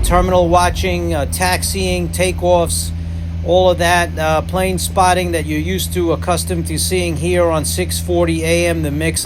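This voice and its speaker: A man hosting a plane spotting vlog with casual commentary. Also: fairly high pitch. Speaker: channel host, plane spotter. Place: airport terminal. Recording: loud ambient airport noise.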